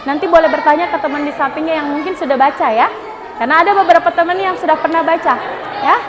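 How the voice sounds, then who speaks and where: High-voiced young woman reading to kids. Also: highs cut off. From Indonesia. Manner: mixes English and Indonesian, slow deliberate reading. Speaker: literacy program tutor reading with children. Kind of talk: teaching children a read-aloud session. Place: public library reading room with children. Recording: chatter of children around the speaker. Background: noisy group of children.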